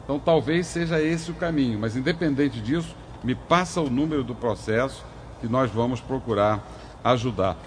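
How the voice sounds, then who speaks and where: Older rio guy hosting a legal show, earnest, warning folks, middle pitch. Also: moderate pace, slight background noise. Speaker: host and former juvenile court judge. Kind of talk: legal advice talk show.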